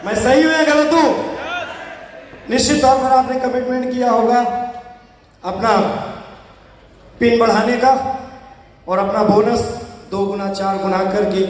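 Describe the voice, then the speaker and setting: A hoarse middle-aged man giving a rousing motivational speech at a sales event, calling out to the audience for answers and applause. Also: very high-pitched, fairly even intonation, a little slow, pauses often, slight background noise. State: hoarse from shouting. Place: large event hall. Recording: echoey hall recorded from far off.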